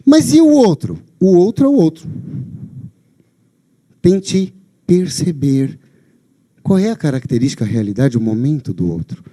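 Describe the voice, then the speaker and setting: A man's voice: on the high side, sing-song, measured pace, long pauses, dark tone. A man with a Brazilian Portuguese accent giving a live lecture on a lapel mic, emphatic and often checking in with his audience. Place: lecture venue.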